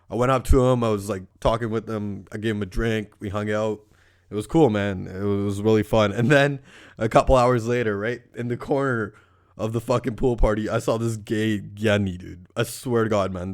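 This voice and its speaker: Profane, rambling podcast host. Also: male voice, on the low side, smooth. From Surrey, Canada. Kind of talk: casual podcast monologue.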